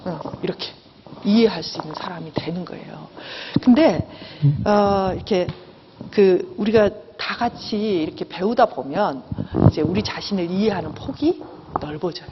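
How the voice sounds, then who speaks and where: A woman's voice: mid-range voice, normal speed, background noise. A woman professor giving a seminar lecture, earnest and coaxing, often checking in with the class and acting out inner voices. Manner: acts out inner voices in a raised tone. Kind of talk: lecture to students. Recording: dull, lo-fi lecture hall recording with long reverb.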